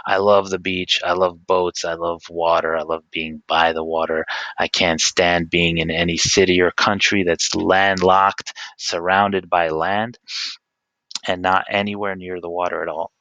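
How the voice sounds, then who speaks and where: A man's voice: low-pitched, little pitch movement, a little slow, sharp tone, no echo, muffled recording. A man from New York City with a New York accent, a school's foreign English teacher giving a casual talk to students and repeating words for stress.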